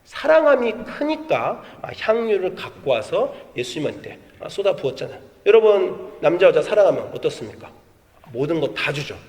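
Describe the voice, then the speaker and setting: Middle-aged male pastor, high lively sermon delivery, church hall echo. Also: moderate pace. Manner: animated storytelling, acts out quoted voices. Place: church sanctuary. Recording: long hall reverb.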